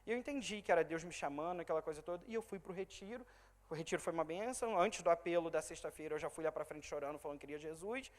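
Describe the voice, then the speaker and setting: A man in his thirties with a Brazilian accent from Rio de Janeiro state, preaching a testimony sermon and acting out the people he quotes, voice loud one moment and hushed the next. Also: on the high side, racing. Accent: Brazilian Portuguese, Rio de Janeiro state. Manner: storytelling, quoting others in swings of loud and soft. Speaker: church worker preaching. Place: church hall. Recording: reverberant church hall.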